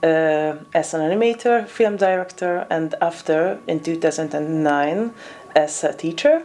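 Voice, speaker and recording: A woman in her thirties from Hungary, an animator and teacher, answering interview questions haltingly and searching for words. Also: sits low, a little mellow. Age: 30s.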